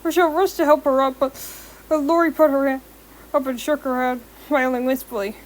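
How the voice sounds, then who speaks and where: Her voice sits high and steady, and she reads fairly quickly. Sore-throated and young, she works through a fan-fiction story aloud, frequently tripping up and fixing her words.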